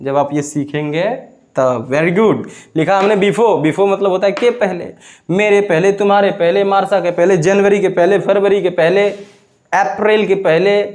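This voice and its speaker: Male English teacher, slightly high voice, slow deliberate drills. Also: fairly even intonation, a little mellow. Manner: slow, drawn-out, repeats each example and quizzes the viewer. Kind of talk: classroom-style video lesson.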